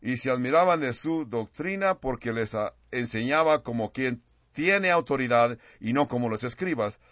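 A man's voice: medium pitch, dry recording. Guy preaching a sermon, leans hard on words, repeats himself for emphasis, dry dull lo-fi recording. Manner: emphatic, stresses words and repeats phrases for effect; restarts words mid-sentence. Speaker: pastor.

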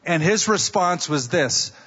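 A man preaches at a pulpit microphone, his voice sitting a little higher than most men's. He tells stories conversationally and throws rhetorical questions at the congregation. The recording is dull and carries a long reverb from the church hall. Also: animated, a little slow, a bit bright, husky. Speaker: pastor. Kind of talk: sermon.

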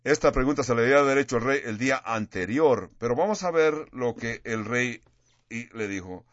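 A man preaching a sermon, reading scripture dramatically and stretching key words slowly for emphasis. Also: mid-range voice, lively intonation, fairly bright tone, no echo. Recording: dull lo-fi sound.

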